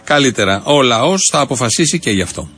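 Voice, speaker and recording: A man presenting satirical radio comedy in a deadpan, ironic, mock-serious tone. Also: mid-range voice, heavy background noise.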